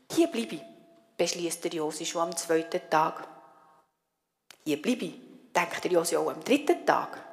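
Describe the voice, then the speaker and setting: Gravelly woman storyteller. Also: medium pitch, big-room sound. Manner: gentle, often dropping to a whisper. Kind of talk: children's story reading.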